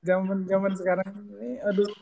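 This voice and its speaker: A man co-hosts a casual podcast in a light, teasing manner, with a voice set a little high. Clear crowd chatter runs behind him the whole time. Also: monotone, brisk. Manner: playful, teasing banter. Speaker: podcast co-host.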